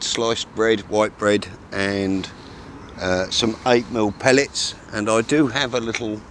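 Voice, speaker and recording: A fishing vlogger talks casually to the camera while fishing from a grassy riverbank by calm water, rambling with fillers and restarts. His voice is fairly low and fairly bright. The camera mic sits a few metres away, he often turns aside, and there's slight background noise.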